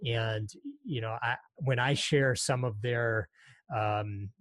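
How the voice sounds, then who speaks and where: A middle-aged man speaking as a podcast guest, thoughtful and unhurried, often saying "you know". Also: mid-range voice, fairly even intonation, a bit bright, no room sound. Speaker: guest, company president. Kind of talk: reflective interview talk.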